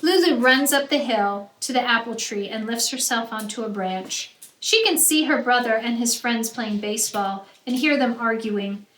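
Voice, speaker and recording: A woman with a high, bright voice narrates a children's picture book at a moderate pace. She reads expressively, stressing key words like a teacher. The recording carries a roomy echo and faint background noise.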